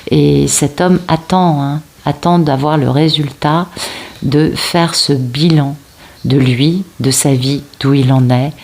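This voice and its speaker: A woman with a French accent giving a casual tarot reading, often pausing to find her words and talking straight to her viewers. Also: low voice, steady tone, darkish tone. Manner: searching for words, many fillers and restarts; addresses viewers directly, seeking agreement. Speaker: tarot card reader.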